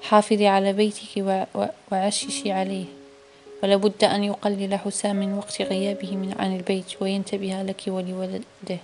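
A woman voicing a calm, wise older mother-in-law who gives measured advice in a read-aloud story. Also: mid-range voice, soft background music, natural voice. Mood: firm.

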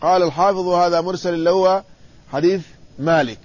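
A man teaching an Islamic hadith lesson, reading a classical text aloud, explaining it and putting quick questions to his students. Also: high-pitched, no echo, lo-fi sound. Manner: reads quoted text then explains, quizzes students.

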